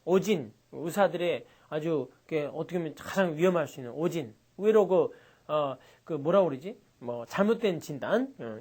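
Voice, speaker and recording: A woman's voice: lowish voice, a little mellow. A woman lecturing on English vocabulary in a chatty way, asking her students questions and acting out small scenes. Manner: chatty, asks listeners questions, acts out little scenes.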